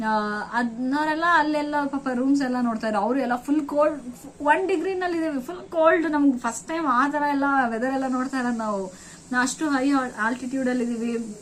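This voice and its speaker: A young woman vlogger recounting a frightening trip in an excited, emotional way, repeating words and restarting sentences. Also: sits high, fairly quick, slight background noise, low-quality recording. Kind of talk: emotional first-person storytelling.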